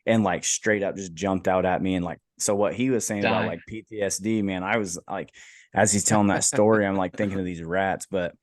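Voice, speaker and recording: A man from Iowa with a very low voice tells a story in a loose, laid-back way, full of "like" and "man." The recording is dry and close. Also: fairly even intonation, a little fast, no room sound. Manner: laid-back, fills his talk with "like" and "man". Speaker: podcast co-host. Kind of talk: casual storytelling chat.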